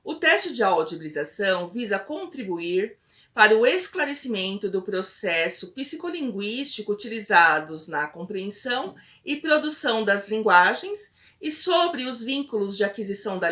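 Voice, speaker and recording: A woman instructor patiently explaining a test step by step, often pausing to check in with her listeners. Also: a little high, sharp tone.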